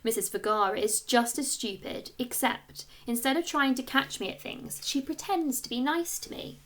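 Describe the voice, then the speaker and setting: Her voice sits high as she reads a children's story at a normal speed. She sounds like a schoolteacher, narrating with expression and placing clear emphasis on the storytelling.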